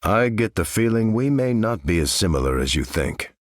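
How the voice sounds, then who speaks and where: A noble veteran super-soldier for a video game, with a deep American-accented voice. He is earnest and authoritative, with lively swings in pitch. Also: normal speed, no echo, clean studio sound. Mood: steady, earnest. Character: noble, steadfast veteran male super-soldier leading his team. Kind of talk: video game character voice lines.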